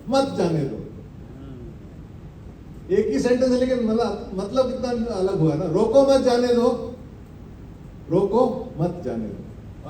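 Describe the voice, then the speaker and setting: A man giving a motivational business presentation, quizzing his audience with rhetorical questions and repeating slogans slowly for effect. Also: very high-pitched, mellow, slight background noise. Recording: echoey hall, mic at a distance.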